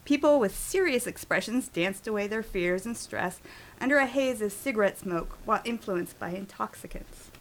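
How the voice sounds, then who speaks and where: A woman's voice: medium pitch, expressive, moderate pace, slight background noise. A woman in her fifties reading her own memoir aloud at a writing workshop, telling it expressively with dramatic emphasis.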